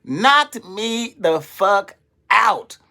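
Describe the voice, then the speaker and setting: Profane, animated male comedian storyteller. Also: high voice, drawn-out words, gravelly. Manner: animated, profane, acts out the voices of people in his story. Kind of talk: storytelling monologue.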